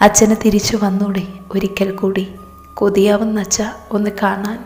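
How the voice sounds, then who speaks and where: A woman voicing a gentle young man, just home after years in prison, who speaks softly and tearfully. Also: mid-range voice, level tone, normal speed, faint music behind, lightly acted. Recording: roomy with long reverb.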